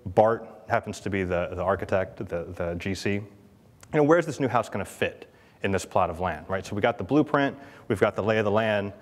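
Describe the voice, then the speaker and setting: A man's voice: lowish voice, expressive, brisk. A man speaking at a conference, chatty and full of fillers, often checking in with the audience. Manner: chatty, asks the audience questions, many fillers. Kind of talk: conference keynote talk. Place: large conference hall. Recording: long hall reverb.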